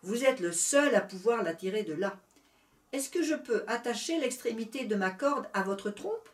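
A woman's voice: fairly high pitch, expressive, moderate pace, roomy sound, far from the mic, close to an everyday voice. A woman voicing a small, clever, scheming male rabbit in a storybook reading, eager and breathless. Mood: pleading.

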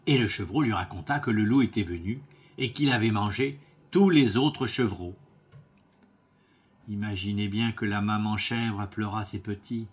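A man reading a fairy tale aloud, slow and expressive, with small slips and self-corrections. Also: fairly low pitch, slightly rough. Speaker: storyteller.

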